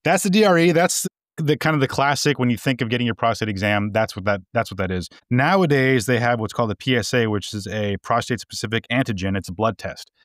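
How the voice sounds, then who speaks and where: A male podcast co-host in loose, casual chat, spinning stories and laughing often along the way. His voice sits at an ordinary middle pitch. The sound is close and dry, with no room around it. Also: fast talker, fairly bright tone, no room sound. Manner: chatty storyteller, laughs often, many restarts.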